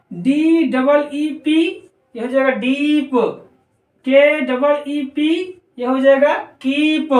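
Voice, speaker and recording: A man with a high voice gives a spoken language lesson. He talks slowly and carefully, spelling out letters and saying words again and again. The room echoes and he sits some way from the microphone. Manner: slow, deliberate, spells out letters and repeats words. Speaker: English teacher. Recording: roomy echo, voice distant from the mic.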